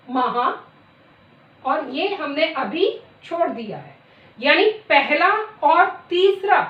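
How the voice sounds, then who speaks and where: Woman, teacher, middle-aged, deliberate recitation, roomy echo, distant muffled recording. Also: high voice. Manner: slow, deliberate, reciting letters one by one. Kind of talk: classroom lesson. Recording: echoey room, distant dull mic.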